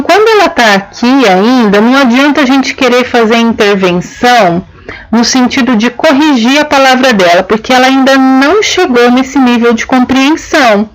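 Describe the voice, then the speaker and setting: A woman gives a lesson to her audience. Her pitch sits in an ordinary middle range. She explains things patiently, one step at a time, and often checks that her listeners are following. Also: poor audio. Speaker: teacher. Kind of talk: explanatory lesson on children's writing.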